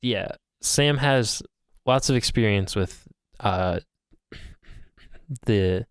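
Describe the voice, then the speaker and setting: A man's voice: on the low side, very slow, smooth, no echo, clean studio sound. A man co-hosting a casual podcast, teasing and joking with his friend, with some swearing. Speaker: podcast co-host. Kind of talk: casual chat.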